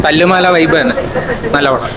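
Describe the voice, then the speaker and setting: A man's voice: a little high, moderate pace, a loud crowd, rough recording. A man chatting casually in a street vox-pop, in short clipped phrases. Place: outdoors outside a cinema. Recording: loud traffic and street noise.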